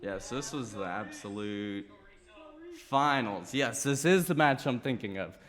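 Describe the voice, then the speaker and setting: A man's voice: on the low side, animated, unhurried, fairly bright tone, long reverb tail. A nineteen-year-old man, a guest, chatting casually and telling stories with an easygoing manner and frequent laughs. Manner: easygoing storytelling, laughs often. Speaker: guest, grappler. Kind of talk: casual chat.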